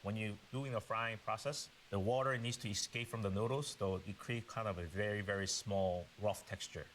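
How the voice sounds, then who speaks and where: A man's voice: on the low side, moderate pace, a bit bright, rough recording. A man giving explanatory food commentary as a chef. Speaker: chef on a tasting panel. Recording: clear background hiss.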